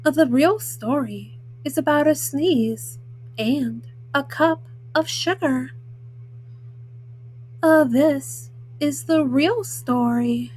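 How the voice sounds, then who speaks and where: A woman voicing a folksy, self-justifying male wolf in a storybook, haltingly, with frequent uhs. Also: high voice, a little mellow, low-quality recording. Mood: self-justifying, matter-of-fact. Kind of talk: storybook read-aloud in first person.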